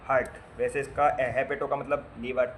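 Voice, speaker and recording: A man's voice: mid-range voice, little pitch movement, moderate pace, slight background noise. Man spelling out medical terms in a lecture. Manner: repeats terms and spells them out, asks students quiz questions; casual, teasing asides to students. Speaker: nursing anatomy teacher. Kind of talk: classroom lecture.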